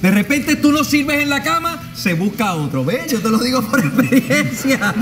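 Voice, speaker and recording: A man's voice: very high voice, big pitch swings, normal speed, noisy background. An actor playing a cynical, jaded cheated-on man who gives gloomy warnings in a TV comedy sketch. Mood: mock-grave.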